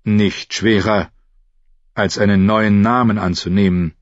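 A man doing a slow, mysterious assassin. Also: lowish voice, fairly even intonation, dry recording, highs cut off, close to an everyday voice. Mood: calm. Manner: slow, measured, speaks of himself in third person. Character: calm, mysterious male assassin, foreign and formal. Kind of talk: audiobook character voice.

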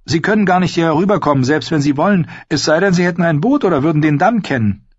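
A man voicing a young noble boy who is frightened but tries to act brave, his voice raised and shrill, in an audiobook reading. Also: expressive, fairly quick, husky, no room sound, highs cut off. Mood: forced confidence. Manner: raised voice, shrill when scared.

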